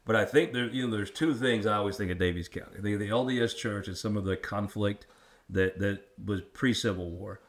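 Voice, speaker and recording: A lower-pitched man with a rural drawl hosts a history chat. He is folksy and quick to poke fun at himself, talking casually as he asks questions. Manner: folksy, self-deprecating. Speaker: interviewer and host. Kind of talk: casual local history interview.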